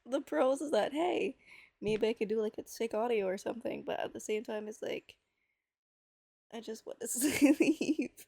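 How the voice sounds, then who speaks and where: On her own audio series, a woman chats casually and reads a novel aloud in a playful, self-deprecating, informal way. Her voice sits on the high side, with vocal fry, a darkish tone and a breathy edge, at a moderate pace with no room sound.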